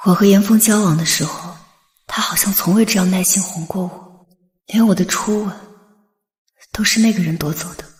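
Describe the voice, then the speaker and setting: A woman's voice: mid-range voice, normal speed, long pauses, slightly rough. A young woman playing a self-assured wife in a drama, speaking curtly and coolly. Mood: reflective. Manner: cool, curt, assertive. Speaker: wife, heroine. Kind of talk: TV drama acting.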